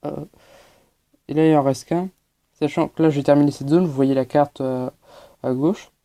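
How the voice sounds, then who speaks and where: Guy explaining a game as he plays, super mellow low-key voice, lots of umms. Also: steady tone, normal speed. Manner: hesitant, explanatory, many fillers. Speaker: gaming channel host. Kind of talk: gameplay commentary.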